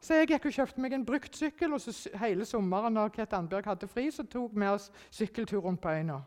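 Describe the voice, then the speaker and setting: A middle-aged woman shares a personal testimony with an audience, acting out her own thoughts in a lively way and sinking now and then to a near whisper. Her voice sits at an ordinary pitch for a woman. It rings out with a long reverb, as if in a large hall. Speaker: speaker giving a personal testimony.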